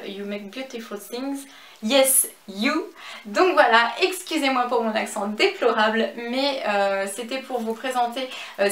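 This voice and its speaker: A French woman with a somewhat high voice talks her way through a haul in her home office, chatty and full of fillers. Her voice bounces around an echoey room, with a faint hiss behind it. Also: fairly bright tone. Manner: chatty, many fillers, slow over items. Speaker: beauty and fashion YouTuber. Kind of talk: casual haul vlog.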